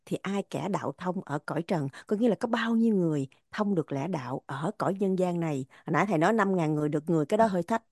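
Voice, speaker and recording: A woman leads a spiritual talk, unpacking religious poems line by line. She is earnest and repeats phrases to drive her points home. Her voice sits low and mellow, recorded close in a dry space. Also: lively intonation, rapid-fire, hardly any pauses, no echo. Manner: earnest, repetitive, stressing words. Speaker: religious teacher explaining poems.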